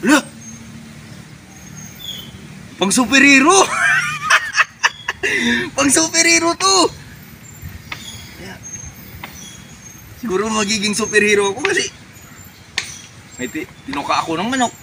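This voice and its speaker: Man acting an excitable would-be superhero, noisy outdoors. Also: sits high, normal speed, long pauses. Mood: gleeful, excited. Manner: exclamatory, melodramatic self-talk with villain-like laughing. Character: excitable naive man turning superhero after a chicken peck. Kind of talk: solo comedy skit acting, thinking aloud. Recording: noisy outdoor recording with vehicle sounds.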